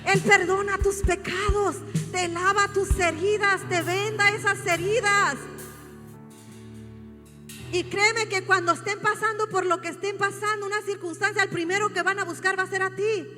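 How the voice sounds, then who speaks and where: A woman pastor, preaching a fervent sermon that rises to shouts as she calls out to the congregation. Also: very high voice, fairly even intonation, normal speed. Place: church sanctuary. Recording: long hall reverb with faint music.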